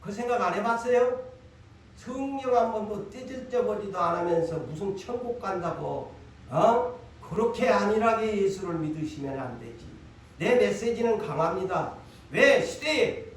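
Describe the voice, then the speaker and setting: A man with a Gyeongsang accent preaching a Sunday sermon, forceful, repeating lines and throwing rhetorical questions at his congregation. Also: high-pitched. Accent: Gyeongsang Korean. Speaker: pastor. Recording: echoey hall, voice from far off.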